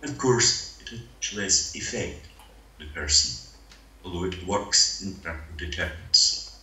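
Older Scottish man, deep and bright, dry lecturer on a video call, echoey hall. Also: animated. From Scotland. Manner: measured, dryly humorous lecturing. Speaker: conference panel speaker. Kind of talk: conference talk by video link. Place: meeting room, voice played over speakers. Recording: roomy hall with faint noise.

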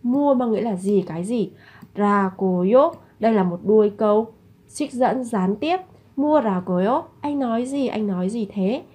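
A woman's voice: medium pitch, normal speed, warm tone, breathy edge. A woman teaching a language lesson, repeating each example phrase and then explaining it.

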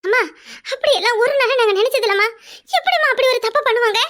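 Cartoon bride's mom voiced by a woman, squeaky high, begging and near tears, kanyakumari tamil accent. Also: quick pace, fairly bright tone. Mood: distressed. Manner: emotional, pleading, often on the edge of tears. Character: pleading tearful middle-aged mother of the bride. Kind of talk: cartoon voice acting.

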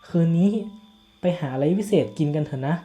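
A man voicing a kind, gentle middle-aged father in a dubbed game cutscene, speaking warmly and teasingly. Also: fairly high pitch, brisk, soft background music, lightly acted.

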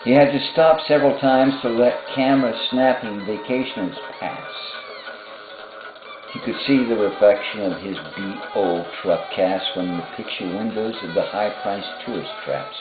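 Deep-voiced man reading his novel, tinny. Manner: unhurried, pausing, with asides to himself. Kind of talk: casual reading aloud of a novel. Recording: tinny phone-like sound in an echoey room. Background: music.

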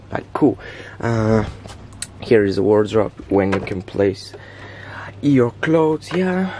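A man's voice: lowish voice, gravelly, a little mellow, a little hiss or hum. A man vlogging casually with a groggy morning voice, chatting loosely inside a small caravan on a handheld camera. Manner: chatty, loose, repeats "like" and "yeah". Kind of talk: casual vlog tour. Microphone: handheld vlog camera.

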